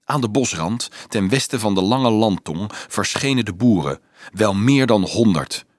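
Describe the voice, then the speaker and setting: A man narrating an audiobook in a measured, dramatic way. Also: on the low side, animated, no room sound, clean studio sound. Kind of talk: audiobook reading.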